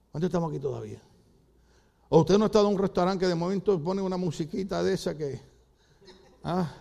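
An older Puerto Rican man preaches a sermon in church, his voice high and creaky. He's animated, telling comic stories and acting out the voices of the characters.

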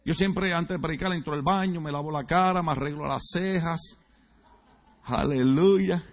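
Man, pastor, sermon, high voice, gravelly, teasing, questions to the congregation. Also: steady tone, brisk, a bit bright. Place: church sanctuary.

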